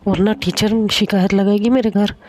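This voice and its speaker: A woman's voice: mid-range voice, fairly even intonation, moderate pace, mellow, a little hiss or hum, lightly acted. A woman voicing a teenage boy on a school picnic, a clingy and pleading boyfriend, in a casual spoken story.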